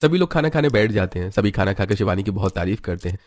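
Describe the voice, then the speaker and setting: A man's voice: fairly low pitch, expressive, fast talker, a little mellow, no room sound. A man narrating a cartoon story in a plain, scripted storytelling style.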